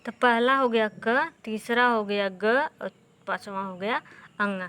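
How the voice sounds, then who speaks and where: A woman teaching a grammar lesson for exam students. Her voice sits a little high, and she goes very slowly. She repeats each key term patiently and drills the letters aloud one by one. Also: a bit bright, clear, resonant tone.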